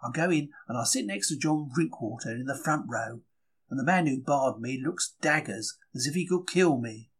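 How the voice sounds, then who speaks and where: A man acts a husky, plucky young working-class bookseller in 1930s London, chatty and easily wounded, in a dramatic first-person diary reading. He speaks at medium pitch and a moderate pace, animated, with colloquial, wry, emphatic storytelling. His mood is matter-of-fact and indignant.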